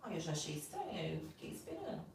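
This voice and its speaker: Woman, Brazilian Portuguese accent, podcast guest, animated storytelling, far from the mic, very echoey room. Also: low-pitched, fast talker, vocal fry. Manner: animated, acts out the voices of people in her story. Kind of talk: personal storytelling in a podcast interview. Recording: echoey room, distant mic, faint noise.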